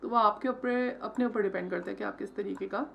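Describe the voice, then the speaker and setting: This screen-recorded tutorial features a female design instructor whose mid-range voice is steady, brisk, gravelly, and fairly bright. She explains logo design one step at a time in Hindi sprinkled with English, saying "theek hai" after each stage, over slight background noise.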